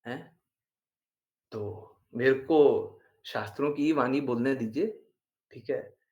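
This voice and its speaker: A man's voice: mid-range voice, takes it slowly, darkish tone. A man giving a devotional class talk, earnest and insistent, repeating phrases for emphasis and mixing English words into his speech. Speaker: spiritual teacher.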